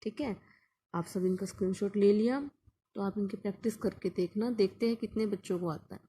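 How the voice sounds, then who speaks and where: A woman's voice: mid-range voice, a little fast, dark tone, husky. A woman teacher explaining an English grammar lesson patiently, asking questions and answering them herself.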